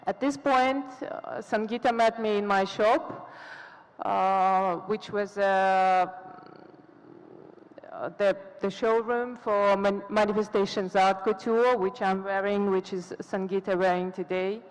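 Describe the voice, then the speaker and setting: Woman from Kazakhstan, unhurried panel storyteller, recorded in a reverberant hall. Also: medium pitch, fairly even intonation. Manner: slow, reflective storytelling with hesitations. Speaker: panel speaker. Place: conference hall stage. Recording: long reverb of a large hall.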